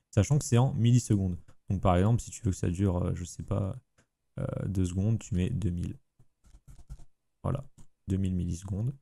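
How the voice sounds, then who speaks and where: A man, casually talking the viewer through a software tutorial with chatty enthusiasm. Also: fairly low pitch. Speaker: streaming tutorial host. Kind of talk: casual screen-recorded tutorial.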